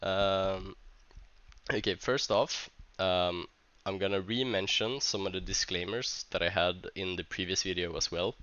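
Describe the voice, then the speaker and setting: A Swedish-accented man with a low-pitched voice that is still bright and smooth. He sounds stuffy from a cold and works through a scripted vlog ramble in halting English with many restarts. The audio is somewhat dull and lo-fi. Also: fairly even intonation, dry recording. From Sweden. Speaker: tournament organizer.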